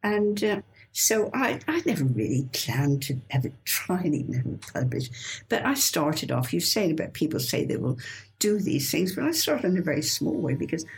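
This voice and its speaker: A woman's voice: sits low, big pitch swings, moderate pace, vocal fry. An older woman, a guest author from the United Kingdom, telling stories in a casual, laughing interview chat. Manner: chatty, laughing storyteller.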